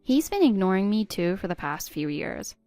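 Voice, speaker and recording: A woman voicing a patient, hurt middle-aged stepmother who pleads gently with her stepdaughter. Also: medium pitch, sing-song, moderate pace, no room sound, faint music behind, close to an everyday voice. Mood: confiding. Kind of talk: text-story voice acting.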